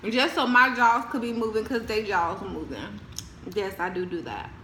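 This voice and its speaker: An American woman talks casually to her viewers as she crunches on chips and ice. Her phrasing is informal and repetitive, at an ordinary pitch. The room adds a clear echo, with faint noise underneath. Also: normal speed, pushed and bright. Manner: chatting between bites while crunching chips and ice; informal, repeats phrases for emphasis. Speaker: mukbang vlogger. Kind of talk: casual chatty eating show.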